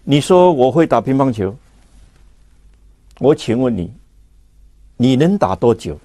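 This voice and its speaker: A man giving a measured lecture, making his points through rhetorical questions. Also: medium pitch, very animated, mellow, dry recording, studio quality. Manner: deliberate, asks rhetorical questions.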